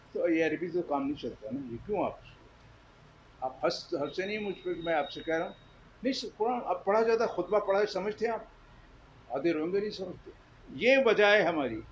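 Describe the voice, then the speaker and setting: A man's voice: sits high, expressive, pauses often, a little hiss or hum, low-quality recording. A man preaching a sermon, emphatic and questioning his listeners directly. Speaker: Islamic preacher. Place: Jeddah.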